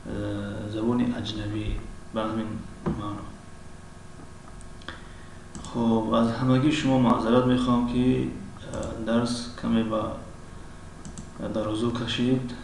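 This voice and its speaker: A man's voice: on the low side, little pitch movement, darkish tone. Hesitant Tajik-accented man in an echoey room. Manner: hesitant, with many drawn-out fillers and frequent throat-clearing; slow, repeats each example word. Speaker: English teacher. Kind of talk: language lesson. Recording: very echoey room, mic at a distance, faint background noise.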